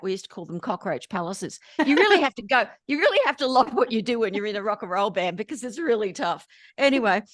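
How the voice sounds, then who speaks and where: An Australian woman telling lively stories as an interview guest, often laughing between anecdotes. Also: mid-range voice, no echo, studio quality. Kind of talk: storytelling in casual interview chat.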